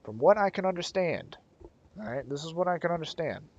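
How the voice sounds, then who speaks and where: A man walks through a game in a casual tutorial. His voice sits a little high, and he talks in a loose, slangy way, checking in with quick questions. The recording is dull and lo-fi. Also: expressive. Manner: loose, slangy, keeps saying "man" and "bro"; thinks aloud, with restarts and checking questions.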